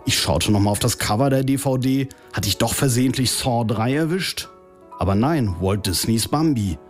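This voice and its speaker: A man's voice: mid-range voice, normal speed, soft background music. A man reading his own humorous story in a dry, ironic tone, then talking in a radio interview.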